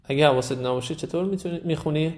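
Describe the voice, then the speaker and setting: A man teaching Quran recitation, saying single words slowly and then explaining quickly. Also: on the high side, darkish tone. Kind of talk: tajwid pronunciation lesson.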